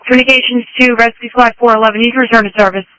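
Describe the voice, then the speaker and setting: A man's voice: very high-pitched, steady tone, rapid-fire, sharp tone, smooth, no echo, low-quality recording. A man making procedural, matter-of-fact dispatch announcements over two-way radio. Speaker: fire dispatcher.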